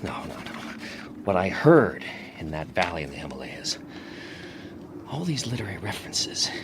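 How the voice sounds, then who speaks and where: In a very noisy radio drama recording, an actor plays a haunted, obsessed man who fears the living wind, delivering a brooding, halting monologue and often dropping into whispers. His low-pitched voice swings widely in pitch.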